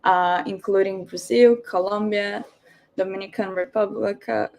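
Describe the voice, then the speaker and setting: A woman hosts a virtual information session, speaking at an unhurried, deliberate pace. Her delivery is welcoming and has many small fillers. She is heard through a video call. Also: mid-range voice, fairly even intonation, gravelly, a little mellow, slight background noise. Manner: slow, welcoming, with frequent fillers. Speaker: host of an online information session. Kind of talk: hosting a virtual info session.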